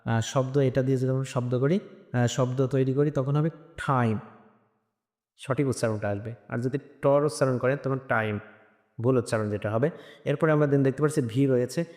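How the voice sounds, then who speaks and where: A man from Bangladesh teaching a lesson, hesitant, with frequent "ah" fillers, repeating sounds slowly. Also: mid-range voice, steady tone, dark tone. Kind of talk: spoken lesson. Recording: long echoing reverb.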